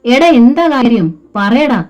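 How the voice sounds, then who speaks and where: A woman's voice: mid-range voice, normal speed, a little mellow, soft background music, close to an everyday voice. A woman voicing a harsh, blunt older mother-in-law who scolds her son. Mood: scolding.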